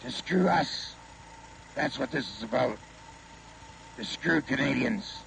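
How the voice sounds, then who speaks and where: An angry man shouting a confrontational protest speech outdoors, out of breath. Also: medium pitch, lively intonation, takes it slowly, gravelly, noisy background.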